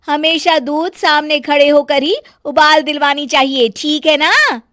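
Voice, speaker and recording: A woman voicing a bossy, fault-finding young wife in a cartoon, shrill and scolding. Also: a little slow, a bit bright, no room sound, clean studio sound.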